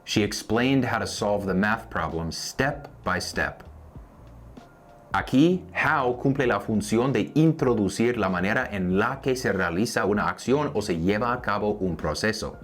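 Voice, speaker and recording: A man from the United States, a native English speaker, teaching a language lesson in Spanish and slowly repeating each example sentence. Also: lowish voice, lively intonation, soft background music.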